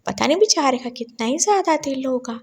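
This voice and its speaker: A woman's voice: sits high, animated, a little fast, creaky, breathy edge, heavily acted. A woman voicing a nervous, flustered young man who stammers and gives in.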